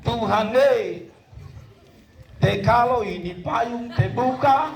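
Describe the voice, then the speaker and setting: Brief: man doing a scared, bragging young recruit with a Kupang Malay accent, high and jumpy, crackly, far off in an echoey hall with a crowd. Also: slow, creaky, exaggerated voice. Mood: scheming. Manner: pleading, bargaining, high excited comic voice. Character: panicky boastful young man from Rote, paratrooper recruit. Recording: echoey hall, distant mic, crowd noise.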